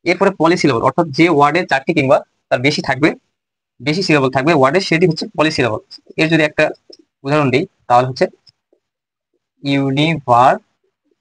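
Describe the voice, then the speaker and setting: Slow, repetitive male grammar teacher. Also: a little high, no echo, low-quality recording. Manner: slow, repeats phrases while writing examples. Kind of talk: Bengali grammar lesson.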